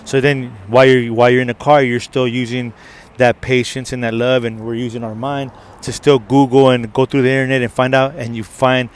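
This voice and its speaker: A man telling a story in a casual monologue. He is animated, acts out the dialogue himself and keeps saying "right?". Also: medium pitch, clean tone. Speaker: motivational vlogger. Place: outdoors in the city. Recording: outdoor recording.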